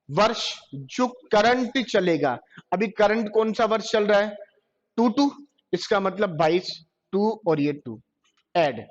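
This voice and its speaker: A male teacher, lecturing a classroom and asking questions that he then answers himself. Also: high-pitched. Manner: quizzes class, answers his own questions. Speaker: computer teacher. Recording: dull lo-fi classroom recording.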